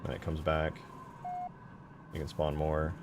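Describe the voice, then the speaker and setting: A man with a rumbling, low, monotone voice talks a little slowly as he works on a game mod, casually commenting on his screen and thinking aloud with plenty of swearing. He's a game modder and channel host doing screen-share commentary, with music playing behind him.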